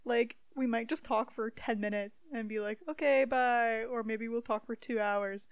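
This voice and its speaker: A woman's voice: a little high, fairly even intonation, normal speed, clear, resonant tone, no echo. Bubbly young woman podcast host. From Ontario, Canada. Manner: upbeat, giggly, filler-heavy. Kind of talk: casual podcast chat.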